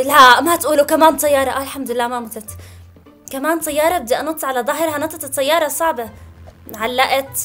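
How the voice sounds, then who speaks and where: A woman gamer narrates her play in a quick, high voice. She is excitable and breaks into shrieks and laughs. Faint game music plays behind her. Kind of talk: let's play commentary.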